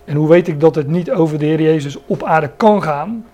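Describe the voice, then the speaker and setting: A man's voice: fairly high pitch, a little fast, mellow, lo-fi sound. Earnest Dutch Bible-teaching man. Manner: earnest, stresses key words, many restarts. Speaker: preacher.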